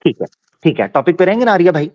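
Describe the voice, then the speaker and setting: Man, debate host, combative, mocking, high-ish voice, very lively pitch, lo-fi call audio. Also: quick pace. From Pakistan. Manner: combative, mocking, talks over others. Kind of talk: heated online debate.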